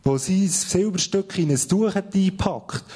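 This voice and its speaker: A Swiss German man preaches in an earnest, conversational way, his voice slightly husky and a touch higher than most men's. He slows right down when he reads from scripture. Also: dark tone. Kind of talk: sermon with Bible reading.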